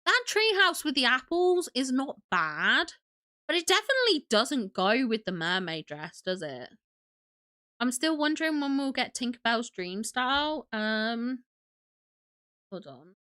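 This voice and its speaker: A woman's voice: high voice, big pitch swings, measured pace, bright, forceful tone. A young woman hosting a casual livestream, sniffly from a cold, gushing and chatty as she greets viewers. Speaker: livestream host.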